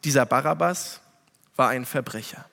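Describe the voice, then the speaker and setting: A man's voice: medium pitch, moderate pace, gravelly, sharp tone, in a large hall. A man preaching a sermon, reading scripture and then explaining it with rhetorical questions, speaking earnestly and directly to his listeners.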